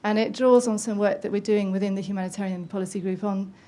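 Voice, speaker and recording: A woman's voice: mid-range voice, steady tone, fast talker, warm tone. A woman from the audience putting a long, hesitant question to a panel, with many ums and restarts. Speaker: audience member asking a question. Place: conference room.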